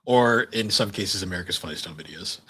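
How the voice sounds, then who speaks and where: Podcast co-host, man with a husky, low voice, dry and blunt humor. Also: fairly quick, sharp tone. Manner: wry, blunt, laughs at his own jokes. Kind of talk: casual chat.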